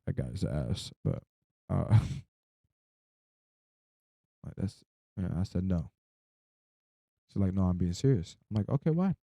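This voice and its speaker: Low, dark-voiced, sleep-deprived young man rambling. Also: animated, takes it slowly, gravelly, long pauses, no room sound. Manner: slangy, swearing, informal. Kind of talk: casual rambling personal storytelling.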